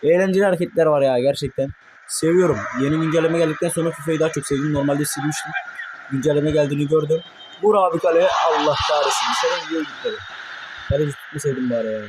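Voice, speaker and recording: A young man commentating his own mobile football match for viewers, excitable and quick to curse at his players in frustration. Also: on the high side, noisy background. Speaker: gaming YouTuber.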